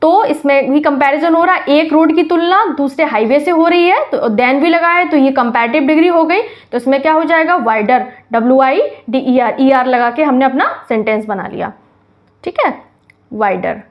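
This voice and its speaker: A woman with a high voice teaches English grammar, working through exercise answers one by one. She often asks a question and then answers it herself. The recording sounds dull and lo-fi. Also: moderate pace.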